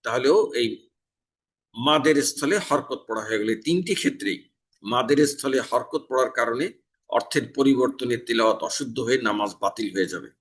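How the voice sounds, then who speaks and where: A man from Bangladesh, a Quran teacher in a mosque, explaining tajweed rules step by step and reciting short verse examples slowly. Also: mid-range voice, a bit bright, slightly rough. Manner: explains each error, then recites the verse slowly and drawn out. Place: mosque in Dhaka.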